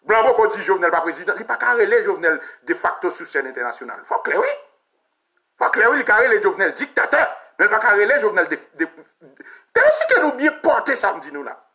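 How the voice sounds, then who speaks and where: A man's voice: very animated, quick pace, pushed and bright. A Haitian man hosting a talk radio show, giving heated political commentary with emphatic repetition and swearing. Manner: emphatic, repetitive, swears, pitch jumps when ranting.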